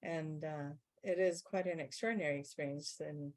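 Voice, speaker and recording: In a spiritual question-and-answer session, a woman channels a guide being, explaining things in a measured way. Her voice is low with fairly even intonation, and she slows down to stress key words.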